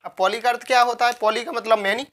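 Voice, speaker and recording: Woman teacher repeating words slowly. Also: on the high side, fairly even intonation. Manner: repeats key words and asks herself questions; spells words out letter by letter. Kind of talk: vocabulary lecture.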